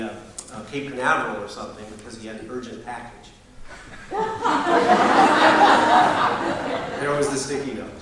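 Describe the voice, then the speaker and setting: A man giving a wry, halting memorial speech full of anecdotes, often pausing to clear his throat. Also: mid-range voice. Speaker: eulogy speaker, science reporter. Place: community hall memorial gathering. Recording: echoey hall, distant mic, hiss.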